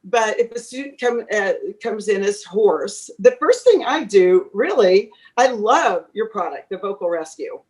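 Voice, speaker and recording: A woman with a medium-pitched, expressive, slightly mellow voice answers interview questions a little slowly, hardly pausing. As a guest voice teacher, she chats and gives advice drawn from her teaching experience, full of fillers and restarts.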